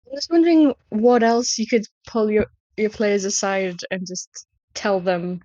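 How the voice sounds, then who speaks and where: A woman's voice: mid-range voice, unhurried, mellow, no room sound, muffled recording. A woman hosting a podcast in casual, conversational talk. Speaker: podcast host.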